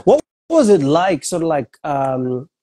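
A middle-aged man hosts a casual interview over a video call, friendly and encouraging as he draws out his guest. His voice sits a little higher than most men's. He keeps it loose and conversational. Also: big pitch swings, a little slow, warm tone. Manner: friendly, encouraging, lots of "bro" and "you know". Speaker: podcast host. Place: indoor room at home.

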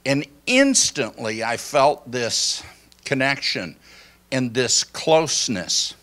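An older man giving an informal sermon to a small congregation, speaking slowly and conversationally into a handheld microphone in a church hall. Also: medium pitch, sharp tone. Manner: slow, conversational, reflective. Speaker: pastor.

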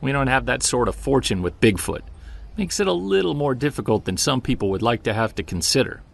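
In a naturalistic audio drama, a man plays a driven, earnest, wry amateur Bigfoot investigator who is self-deprecating about himself. His voice is gravelly and medium-pitched, very animated and brisk.

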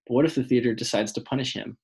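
A man voicing a quiet, worried mother. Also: mid-range voice, fast talker, lightly acted. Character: worried middle-aged mother, soft and weak. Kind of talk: audiobook reading.

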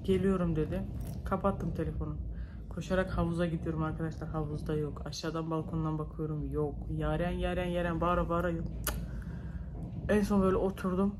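A young Turkish-accented woman speaks straight to her viewers in a casual vlog, retelling events in an emotional, breathless rush with repeated calls. Her voice sits fairly low for a woman. A faint hiss runs under the recording. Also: darkish tone. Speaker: vlogger.

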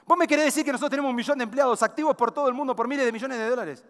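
A man's voice: very high-pitched, a bit bright. A man with a Rioplatense Argentine accent giving a conference keynote talk, telling stories and firing rhetorical questions at the audience. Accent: Rioplatense Argentine Spanish. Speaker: keynote speaker. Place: large conference hall before a big audience. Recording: reverberant large hall.

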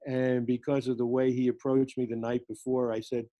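A man's voice: medium pitch, flat delivery, moderate pace, mellow. A man on a video call, telling a story in a rambling way with hesitant fillers. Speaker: small group participant.

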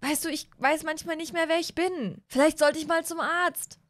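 A woman's voice: high-pitched, fairly even intonation, moderate pace, voice pushed up, close to an everyday voice. A woman voicing a sulky, hungover teenage boy in a life simulation game, whining and complaining. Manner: whiny, complaining.

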